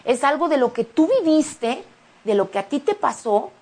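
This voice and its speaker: A singer and actress with a Mexican Spanish accent chats emotionally as a guest in a casual interview, retelling events in a quick, animated way. Her voice sits high and sounds husky.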